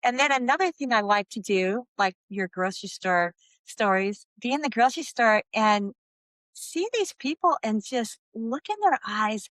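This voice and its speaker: A middle-aged woman from the US West Coast, a podcast guest telling a heartfelt personal faith story and slowing down for emphasis. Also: on the high side, expressive, a bit bright, dry recording. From Santa Barbara, US.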